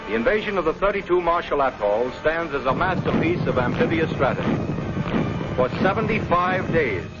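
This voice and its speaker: Male 1940s war newsreel announcer, American, dramatic and scripted, on dated lo-fi film audio with loud music. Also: fairly high pitch. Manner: dramatic, declarative delivery. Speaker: newsreel narrator.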